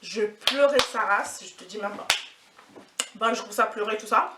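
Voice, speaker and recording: A woman's voice: medium pitch, normal speed, heavy background noise. A woman in her twenties telling a story in a casual, indignant, slangy way, repeating herself for emphasis. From France. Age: 20s. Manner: indignant, animated, repetitive slangy retelling. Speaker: vlogger. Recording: echoey room, mic at a distance.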